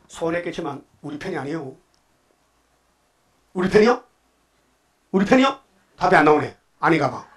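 A man preaching with a fairly high voice. He is emphatic and keeps firing rhetorical questions at his listeners. He slips into quoted voices as he tells the scripture stories. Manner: acts out quoted voices of God and the devil. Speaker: pastor. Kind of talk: sermon.

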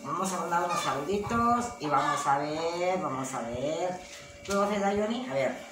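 A woman's voice: on the low side, expressive, normal speed. Chatty older Mexican grandmother, echoey distant sound. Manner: chatty, rambling, affectionate. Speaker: vlog host, grandmother. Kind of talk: casual home vlog chat. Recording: echoey, distant mic, clear background noise.

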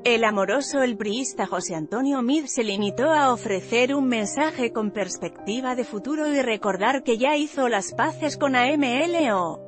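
A woman's voice: on the high side, normal speed. A woman reading a scripted news voice-over with a wry, sardonic delivery. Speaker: news narrator. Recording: faint music bed behind.

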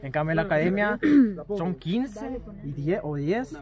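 A young Salvadoran man, a university student, chatting casually in a group with quick restarts. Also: high voice, big pitch swings, a crowd in the background. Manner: fast, restarts often.

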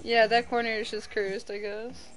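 A woman's voice: a little high, level tone, normal speed, a crowd in the background. A woman chatting casually with friends while playing an online game, laid-back and swearing easily. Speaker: player. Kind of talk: casual gaming chat.

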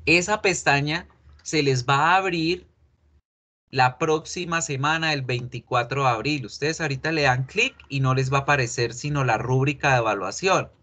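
A man's voice: medium pitch, normal speed, pushed and bright. A Colombian man with a congested, nasal voice, explaining things informally to his online class as their teacher and often checking they follow. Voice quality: nasal, stuffy nose. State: congested with a blocked nose. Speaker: English teacher. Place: online class call with screen share.

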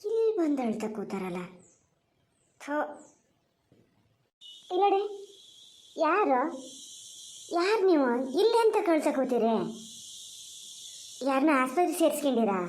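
A voice actor playing a talkative, kind-hearted village woman in a cartoon who coaxes and scolds briskly. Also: high voice, big pitch swings. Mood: bossy kindness. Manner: brisk, loud, coaxing and scolding chatter. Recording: echoey room.

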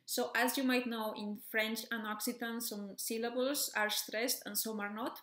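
A woman explaining a topic in a clear, methodical way as a music educator, often checking in with "okay" and "so". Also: fairly high pitch, steady tone, moderate pace, a bit bright, roomy sound. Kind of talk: explanatory video lesson.

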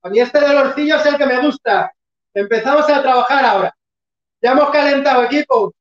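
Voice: sits high, fairly quick. Echoey lo-fi fitness instructor counting reps. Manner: counts reps and urges the class on, sometimes shouting. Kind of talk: live online workout class. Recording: echoey room, far from mic, dull lo-fi.

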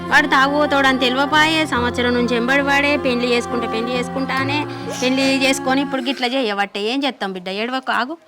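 A grieving rural mother, played by a woman with a Telangana accent, pleading over and over in a high, quick voice. Her words tumble out fast in a repetitive lament. Faint music plays behind her. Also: pushed and bright. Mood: soothing. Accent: Telangana Telugu. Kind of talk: village short film acting.

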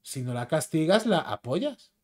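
A man's voice: on the high side, sing-song, unhurried. Man ranting angrily in Spain Spanish. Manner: combative, mocking and insulting. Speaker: YouTube commentator. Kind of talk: ranting commentary video.

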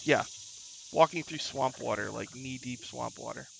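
A man's voice: mid-range voice, normal speed, vocal fry, a bit bright, a little hiss or hum, low-quality recording. A man narrating a tabletop game as game master, describing things piece by piece in an improvised way.

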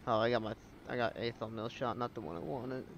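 A young man with a stuffed-up, sleepy voice gives live gameplay commentary, laid back but bursting into excited shouts at the action. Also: medium pitch, brisk, a little hiss or hum. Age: young adult. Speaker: game streamer.

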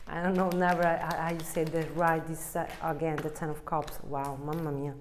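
A woman's voice: low-pitched, level tone, a little fast, noisy background. Woman, tarot reader, casual, rambling, searches for words, laughs at herself.

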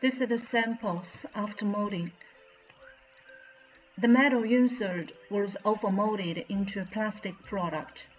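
On a low-quality recording with soft background music, a woman's medium-pitched voice moves unhurriedly through a scripted factory walkthrough narration. She is in her thirties, comes from China, speaks careful, slightly non-native English with a Chinese accent, and represents a mold company as the channel's host. She sits indoors in front of a plain bright backdrop, shot medium close by a front-facing camera.

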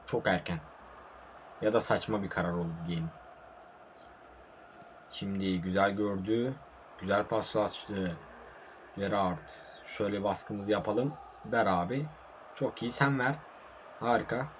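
A man's voice: lowish voice, fairly even intonation, unhurried, long pauses, a little hiss or hum. A young man giving live commentary over his own online football match, frustrated and swearing as he plays. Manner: frustrated, swearing, talking to himself and viewers.

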